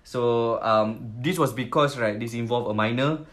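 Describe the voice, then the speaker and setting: A man's voice: medium pitch, normal speed, a bit bright. A man with a Singaporean accent co-hosting a podcast, chatting casually in colloquial Singlish with slang and swearing. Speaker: podcast co-host.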